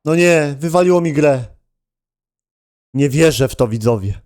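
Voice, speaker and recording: A man's voice: on the high side, lively intonation, unhurried, a little mellow. A man hosting a gaming channel, giving casual gameplay commentary, chatting to his viewers and swearing often.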